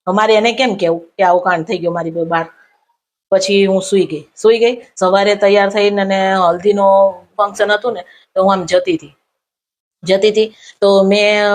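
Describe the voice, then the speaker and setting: Woman, comic storyteller, mid-range voice, acts out her anecdotes. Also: mid-range voice. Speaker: comedian storyteller.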